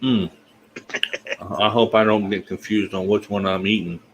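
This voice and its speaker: A man's voice: lowish voice, steady tone, moderate pace, a little hiss or hum, low-quality recording. A man hosting a casual online group chat, joking and tripping over tongue twisters.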